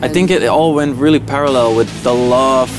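A man's voice: mid-range voice, normal speed. Upbeat man over music. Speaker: DJ interviewee. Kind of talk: documentary interview. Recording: music bed under voice.

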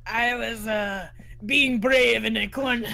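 A woman with a somewhat high voice, teasing her friends as they play. Her talk is casual and playful, live on a stream. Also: steady tone, measured pace, vocal fry, background noise. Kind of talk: casual gaming chat.

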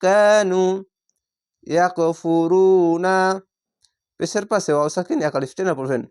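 A Quran reading teacher who gives a patient word-by-word recitation lesson, drawing out each Arabic word slowly before explaining the rule. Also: medium pitch, animated. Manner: chants Arabic words in drawn-out recitation tone.

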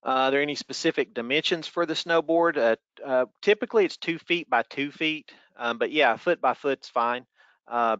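A man's voice: mid-range voice, a bit bright, no echo, dull audio. A man with a Tennessee accent answering questions informally as a trainer in an online session, conversational and folksy. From Tennessee, United States. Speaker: weather spotter trainer.

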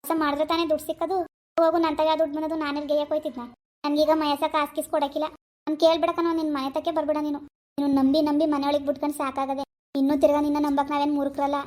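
A woman's voice: sits high, flat delivery, darkish tone, natural voice. A woman voicing a harsh older village mother in a cartoon, scornful and scolding. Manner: scornful, scolding, rapid rural talk. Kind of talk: cartoon voice acting.

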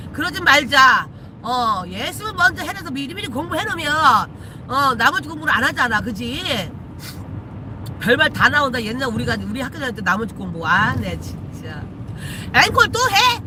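A woman's voice: high-pitched, noisy background. A woman, a shaman chatting casually with viewers on a live stream from her car, teasing and swearing freely. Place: in a car while driving.

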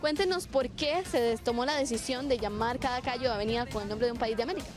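A woman reporter asks her questions quickly and brightly, her voice high. Music plays behind the field interview.

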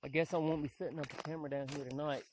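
Frightened man, high voice, woods at night. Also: level tone, very fast, background noise. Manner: hushed, shaky asides to viewers and loud calls out to a spirit. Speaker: paranormal investigator vlogger. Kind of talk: ghost-hunting vlog.

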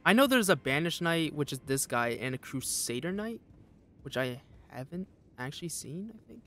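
A man's voice: very animated, normal speed, pushed and bright. A young man streaming a game, chatting casually and nervously while he plays, often laughing. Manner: jittery, laughing, mimics enemies in high voices. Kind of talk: casual gameplay commentary.

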